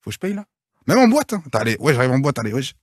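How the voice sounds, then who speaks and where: A man talks fast in slangy, animated casual chat as an interview guest, keeping in touch with his listener. His pitch moves a lot. The sound is close and dry. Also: dry recording. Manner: slangy, animated, keeps asking "t'as capté ou pas".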